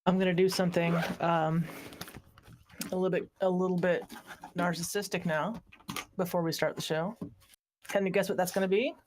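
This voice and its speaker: A woman's voice: on the low side, fairly even intonation, normal speed, long pauses, darkish tone, a little hiss or hum. A woman co-hosting a podcast, chatting in a playful, self-mocking way. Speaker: podcast co-host. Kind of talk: casual chat.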